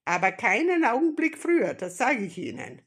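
A woman voicing a gruff, bossy male robber in a storybook reading, barking commands and growling threats. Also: on the high side, big pitch swings, normal speed, pitched above the performer's own voice. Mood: gruff, threatening.

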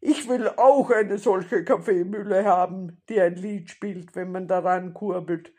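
A woman voicing a gruff, bossy male robber in a storybook reading, barking commands and growling threats. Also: mid-range voice, fairly even intonation, unhurried, dark tone, natural voice. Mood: gruff, threatening.

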